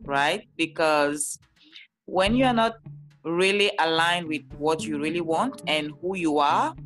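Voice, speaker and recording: A woman's voice: sits low, lively intonation, a little slow, a bit bright, soft background music. A woman from Cameroon with a Cameroonian accent, a life coach speaking as a podcast guest, cheerful and confident as she explains her ideas. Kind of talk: podcast interview.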